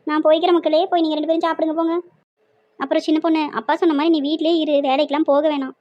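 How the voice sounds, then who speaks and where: A woman's voice: high voice, little pitch movement, racing, dull audio, lightly acted. A woman voicing a nagging middle-aged village mother in a cartoon, with a Tirunelveli Tamil accent, scolding and complaining melodramatically. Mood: weary.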